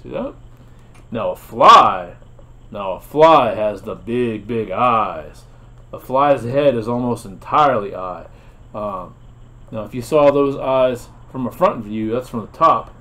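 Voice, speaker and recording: A man hosting an educational explainer about insects, playful and theatrical. He poses dramatic questions, chuckles often and pauses on fillers at a middle pitch. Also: lively intonation, pushed and bright. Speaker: host.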